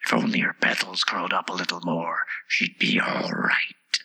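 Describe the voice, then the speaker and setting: A man voicing a haughty, bossy talking tiger lily in a breathy, hoarse whisper, with slow, imperious delivery. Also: low voice, bright, forceful tone, voice pushed down, exaggerated voice. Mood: disdainful.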